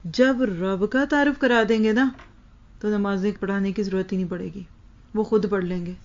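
A woman teaching a religious lesson, explaining word meanings in a measured way and slowing down on key terms. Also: mid-range voice. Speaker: Quran teacher. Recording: slightly dull lo-fi recording.

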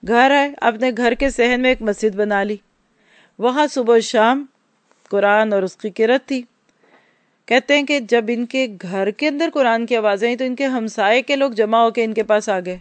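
A woman's voice: on the high side, no room sound. A woman teaching a religious lecture, telling stories and asking her listeners questions. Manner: storytelling, addresses listeners directly with questions.

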